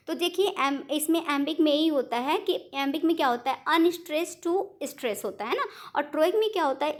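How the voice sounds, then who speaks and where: A woman teaching an online exam-prep lesson, explaining step by step in Hindi mixed with English terms and correcting herself as she goes. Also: sits high.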